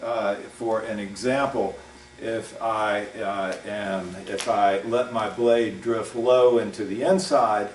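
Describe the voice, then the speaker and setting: A man coaching fencing, explaining a demonstration aloud in a measured, halting way. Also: fairly low pitch, steady tone. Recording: echoey room, distant mic, faint hum.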